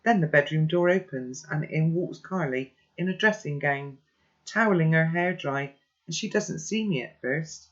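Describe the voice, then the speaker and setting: A reader narrating a children's novel aloud in steady first-person storytelling. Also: medium pitch, normal speed, dull audio.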